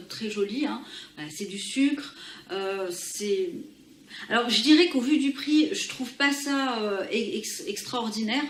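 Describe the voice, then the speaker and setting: A woman's voice: on the high side, fairly bright tone, slight background noise. Woman, beauty vlogger, casual product review, hesitant, echoey room. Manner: hesitant, full of pauses and restarts. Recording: echoey room with faint ambience.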